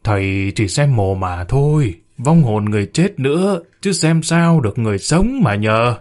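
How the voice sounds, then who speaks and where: A man voicing a calm, reasonable older man of the clan who speaks in a low, measured way. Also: natural voice. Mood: reasoning.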